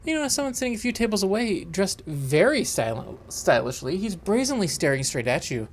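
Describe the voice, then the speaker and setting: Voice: medium pitch, big pitch swings, brisk, a little hiss or hum. A co-host reading aloud the narration of a horror game and breaking off for joking asides.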